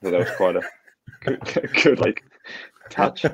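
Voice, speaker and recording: A man's voice: low-pitched, expressive, slow pace, a bit bright, slight background noise. A man with a New Zealand accent chatting casually as an athlete on a podcast, over a remote call. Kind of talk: casual chat. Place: hotel room, remote call. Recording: dull, lo-fi remote call audio.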